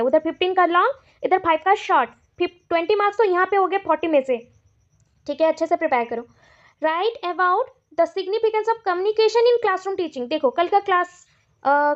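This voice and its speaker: A woman teacher with an Indian accent giving a brisk exam revision lecture, reading questions aloud slowly and explaining them. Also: very high-pitched. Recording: dull lo-fi recording.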